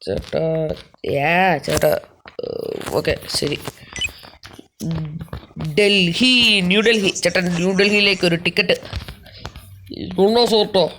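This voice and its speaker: A young man commenting on his gameplay, chatty and quick to shout, talking to his viewers from home. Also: high-pitched, a little hiss or hum. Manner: chatty, keeps calling out to guys; jumps into loud excited shouts. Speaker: gaming YouTuber.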